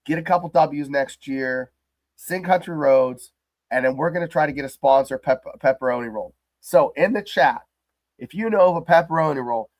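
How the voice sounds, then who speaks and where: A man hosting a casual live sports chat show, his voice hoarse and crackly from the flu, talking in a rambling, jokey way. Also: on the high side, no room sound. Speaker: host.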